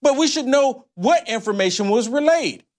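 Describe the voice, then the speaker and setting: A male talk radio host with a distinctly high-pitched voice. He speaks in an opinionated, conspiracy-minded way, sounding incredulous as he stacks up rhetorical questions. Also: animated, normal speed.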